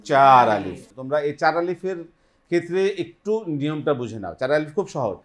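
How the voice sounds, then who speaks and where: Bengali-accented man teaching Quran recitation. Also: on the high side. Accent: Bangladeshi Bengali. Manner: patient teaching, models pronunciation and has the class repeat it. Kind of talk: televised Quran lesson. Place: television studio.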